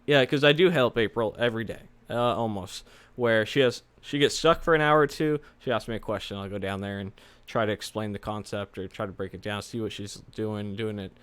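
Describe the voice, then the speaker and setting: A man's voice: on the low side, brisk, a bit bright, clear, resonant tone. A man giving casual, rambling advice as a developer vlog host, his words slightly slurred by the retainers in his mouth.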